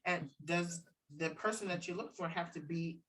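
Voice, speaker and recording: A woman in her forties hosting a casual interview, laughing often and giving quick encouraging replies. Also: lowish voice, fairly even intonation, fairly bright tone, rough recording. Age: 40s. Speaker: host.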